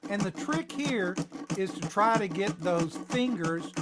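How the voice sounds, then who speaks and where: A man teaching a ukulele lesson on a live stream, talking in a relaxed way while he plays and calls out tempos. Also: high-pitched, measured pace, over loud music. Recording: loud ukulele playing under the voice.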